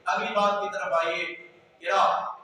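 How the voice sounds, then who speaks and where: Man preaching, high bright voice, emphatic and half-sung, echoey hall from far off. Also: steady tone. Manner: emphatic, rising to shouts and drawn-out sung phrases. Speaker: Islamic scholar preaching. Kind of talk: sermon on prayer rules.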